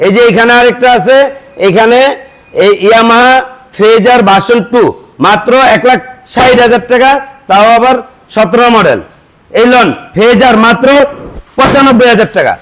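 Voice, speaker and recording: A man with a Bangladeshi Bengali accent giving a used motorbike sales pitch, reeling off features and prices item by item. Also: normal speed, pauses often, a bit bright, rough recording.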